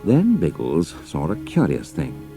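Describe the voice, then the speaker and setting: Very deep gravelly male narrator. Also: wildly swooping pitch, over music. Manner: measured, dramatic storytelling. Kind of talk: scripted audiobook narration.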